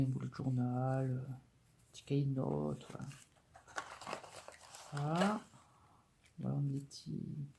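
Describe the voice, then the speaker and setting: A woman's voice: deep voice, mellow, slight background noise. A woman vlogger chatting casually to camera as she unpacks a craft-supply haul, upbeat and full of little fillers. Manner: chatty and enthusiastic, with many fillers.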